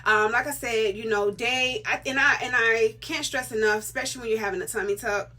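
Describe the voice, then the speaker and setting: Chatty, emphatic woman with a bright voice. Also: fairly high pitch, fairly even intonation, fairly quick. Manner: emphatic, chatty, repeats herself for stress. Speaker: vlogger. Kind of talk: casual vlog talk to viewers.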